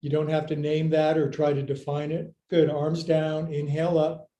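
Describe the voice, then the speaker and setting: A man's voice: on the high side, little pitch movement, normal speed, warm tone. A man teaching a live yoga class, cueing moves with playful jokes and counts. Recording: echoey room.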